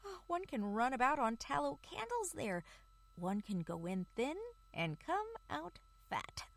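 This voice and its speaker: A woman voicing a pair of small, curious, squeaky mice in a storybook reading, asking eager questions in a high voice. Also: big pitch swings, a little slow, gravelly, exaggerated voice.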